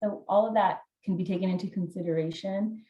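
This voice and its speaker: A woman's voice: medium pitch, fairly even intonation, brisk, lo-fi sound. Helpful woman on a roomy video call. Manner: helpful, repeats key steps. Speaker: financial aid officer. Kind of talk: casual video-call Q&A answers.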